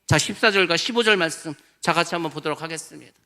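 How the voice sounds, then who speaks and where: Male pastor preaching hard, high bright voice, acts out the quotes. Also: fast talker. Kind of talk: sermon.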